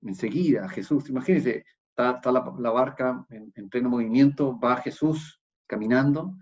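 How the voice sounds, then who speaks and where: Man, Chilean accent, pastor preaching, husky, muffled lo-fi recording. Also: medium pitch, moderate pace. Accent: Chilean Spanish. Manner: explanatory, keeps checking in with listeners. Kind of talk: sermon. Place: church.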